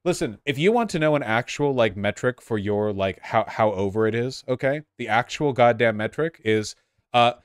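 A man's voice: medium pitch, lively intonation, clean tone, no echo, studio quality. Sarcastic man streaming. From Los Angeles, USA. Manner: sarcastic, laughing, swearing, quick asides. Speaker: streamer reacting to videos. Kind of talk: casual live-stream commentary.

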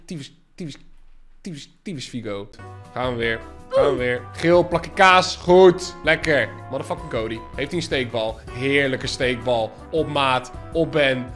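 A young man commentating his own football video game as he plays, excitable, swearing constantly and shouting when goals fall. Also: mid-range voice. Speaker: gaming YouTuber. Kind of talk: live FIFA gameplay commentary.

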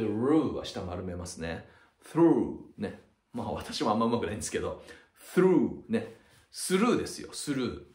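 A middle-aged man, head teacher of a cram school, explaining English words in a chatty way, often ending phrases with a tag and acting out sound effects. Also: on the low side. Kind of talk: explaining vocabulary to students. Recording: echoey room.

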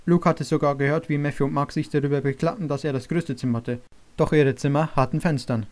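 A man's voice: fairly high pitch, steady tone, quick pace, a little mellow. Man reading an audiobook aloud. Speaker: audiobook reader. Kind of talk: scripted narration.

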